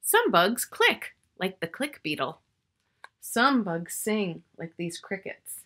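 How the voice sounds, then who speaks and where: Very animated yet slow, this middle-aged woman's medium-pitched, slightly bright voice carries a picture book reading for young children. She draws out important words and chats with the listener, all from a small furnished room at home.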